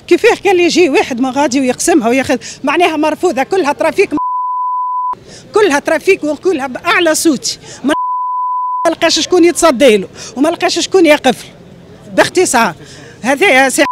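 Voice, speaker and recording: Speaking into a reporter's handheld microphone on a crowded city street, a middle-aged woman with a Tunisian accent delivers an impassioned complaint. Her high-pitched voice is agitated, pleading and forceful, and background noise surrounds her.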